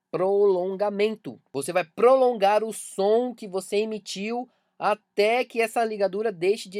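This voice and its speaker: A man's voice: high-pitched, a little mellow, no room sound, studio quality. Emphatic Brazilian man teaching music. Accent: Brazilian Portuguese. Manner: emphatic, repeats points to drive them home. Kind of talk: online music lesson.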